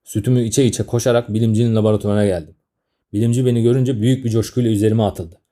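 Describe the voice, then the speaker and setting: Brief: 30s male comic narrator, sardonic grumbler, dark low voice, fast. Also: flat delivery. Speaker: storyteller.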